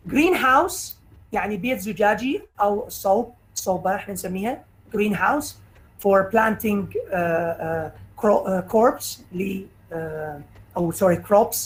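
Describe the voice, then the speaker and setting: A woman teacher with an Iraqi Arabic accent gives a recorded lecture in a fairly high voice. She takes her time, spelling things out slowly and stopping often to hesitate, then rushes through the Arabic explanations. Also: rough recording. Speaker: English teacher.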